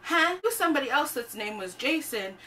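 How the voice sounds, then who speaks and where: Young woman vlogger telling a story in an animated, profane, chatty way, with a bright tone, recorded off-mic over faint noise. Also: a little high, fast talker, recorded from a distance. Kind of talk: storytime vlog.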